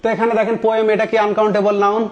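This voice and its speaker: A man in his thirties with a high voice teaches an online grammar lesson. He walks through each example step by step, asks his students questions and repeats the key words. He slows right down to spell out each English sentence. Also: level tone, muffled recording. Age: 30s.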